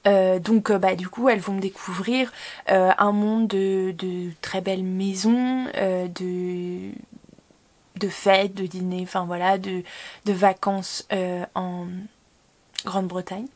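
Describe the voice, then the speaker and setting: A woman's voice: mid-range voice, fairly even intonation, slow, a little mellow. A woman chats casually to camera about her book hauls. She rambles, fills gaps with hesitations and corrects herself mid-sentence. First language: French. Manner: rambling, many fillers and self-corrections. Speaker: book vlogger. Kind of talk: casual chat.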